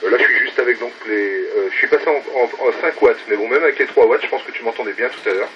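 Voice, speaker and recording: An amateur radio operator films his station at home beside the radio set, chatting fast in a mid-range voice during a casual radio contact. He's enthusiastic and repeats words for emphasis, and the phone, held away from his mouth, captures dull, very noisy video.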